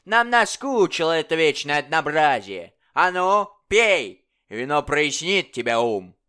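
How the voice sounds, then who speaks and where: A cruel, boisterous king roars and taunts in a storybook reading, his voice raised high and loud as a man acts him out. The tone stays smooth and resonant beneath the bluster, all bullying mockery. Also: very animated, measured pace, full character voice. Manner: bellowing, mocking, booming laughter.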